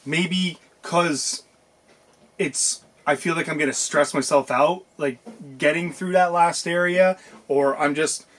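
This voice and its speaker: Animated rambling man chatting about games. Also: a little high, takes it slowly, a little hiss or hum. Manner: rambling, animated, many fillers and restarts. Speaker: podcast co-host. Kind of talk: casual chat.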